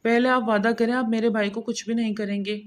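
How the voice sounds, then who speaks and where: A woman's voice: on the high side, fairly even intonation, close to an everyday voice. A woman reading as a tearful, defiant young bride. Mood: pleading.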